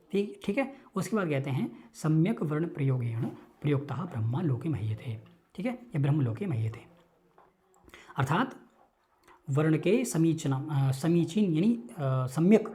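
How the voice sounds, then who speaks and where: A woman teaching Sanskrit in an online lecture, explaining a text slowly, repeating terms and checking that listeners follow. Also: low voice, warm tone.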